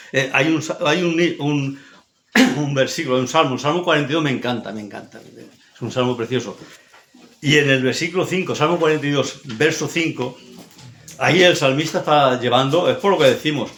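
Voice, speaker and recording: A man's voice: medium pitch, fairly bright tone, slight background noise. A man from preaching a sermon, emphatic and repetitive, often checking in with his listeners. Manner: emphatic, repetitive, frequent tag questions. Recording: echoey church hall.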